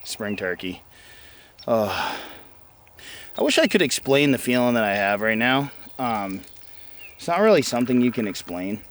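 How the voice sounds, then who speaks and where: Breathless, excited man outdoors. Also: medium pitch, normal speed, slight background noise. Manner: excited, rambling storytelling with many fillers. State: a little out of breath. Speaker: hunting vlogger. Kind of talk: excited outdoor vlog recap. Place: outdoors in a field by woods.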